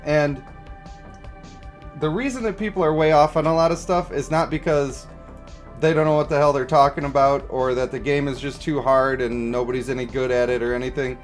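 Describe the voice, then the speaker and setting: With music playing behind him, a man hosts a game livestream, reading and answering viewer comments in casual chat. His medium-pitched voice stays steady and fairly quick as he explains his views conversationally and checks whether viewers agree.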